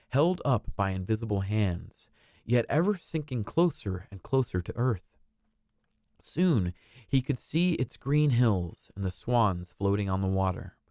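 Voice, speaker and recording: A man reading aloud as a storybook narrator, in a measured, dramatic storytelling manner. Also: lowish voice, gravelly, a little mellow, no room sound, studio quality.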